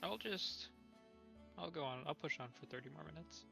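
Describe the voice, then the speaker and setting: A man's voice: on the high side, lively intonation, normal speed, gravelly, sharp tone, faint music behind. A man playing a tabletop game, talking in an easygoing way. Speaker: player.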